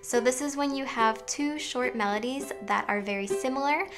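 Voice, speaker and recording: A woman's voice: sits high, moderate pace, over music. A young woman teaching songwriting in an upbeat, explanatory way, now and then singing short demonstration phrases. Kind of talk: online songwriting lesson.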